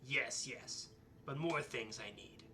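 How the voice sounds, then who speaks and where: A man's voice: mid-range voice, background noise, natural voice. A man voicing a cold, impatient old female hag in a tabletop game, curt and demanding. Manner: curt, demanding, slow and deliberate. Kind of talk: tabletop role-play voicing.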